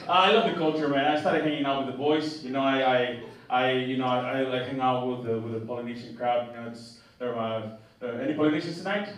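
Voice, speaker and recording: With a medium-pitched, slightly bright voice and a brisk pace, a young comedian with a Mexican accent works a theatre stage. He chats loosely, stumbles through restarts and laughs at his own material. The hall echoes, the mic is far off and the sound is noisy.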